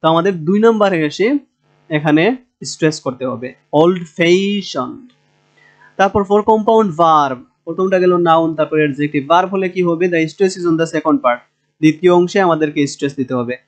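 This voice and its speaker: A man with a Bangladeshi Bengali accent giving a recorded linguistics lecture, drawing out example words slowly and pausing with fillers. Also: on the high side. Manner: slow, drawn-out sounding of example words with hesitant fillers.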